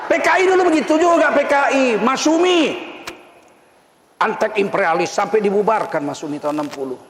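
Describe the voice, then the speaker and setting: High-voiced preacher in an echoing hall. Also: male voice, noisy background. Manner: teasing, laughing, mimics people he mentions. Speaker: Islamic preacher. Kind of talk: lively humorous sermon. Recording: echoey hall, faint ambience.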